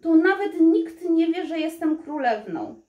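A woman voicing a spoiled young princess turned into a crow, cawing in a high plaintive voice. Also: very animated, measured pace, highs cut off, full character voice. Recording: roomy echo.

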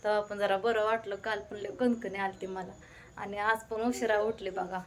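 A woman vlogger. She chats easily to her viewers and runs through her chores and phone calls in everyday, conversational speech, with a pitch in the middle range. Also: little pitch movement, normal speed, a little hiss or hum. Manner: chatty, recounting conversations. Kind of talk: casual home vlog.

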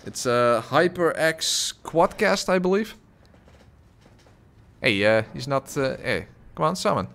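This streamer's voice sits a little high, creaky and a bit bright, with lively intonation, and he takes his time. Close to his desk microphone, he rambles through casual gameplay commentary, reading chat with plenty of filler sounds and little laughs.

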